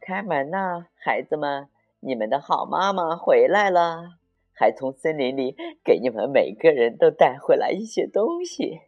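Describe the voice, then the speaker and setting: A man's voice: on the high side, sing-song, measured pace, highs cut off, faint music behind, pitched above the performer's own voice. A man doing a sly wheedling big bad wolf. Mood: falsely sweet.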